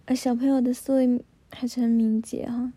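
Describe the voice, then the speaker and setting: Woman just chatting casually, kinda high but mellow, keeps asking "you know?". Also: flat delivery, moderate pace, husky. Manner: chatty, often asks the listener "you know?". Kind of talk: casual storytelling chat.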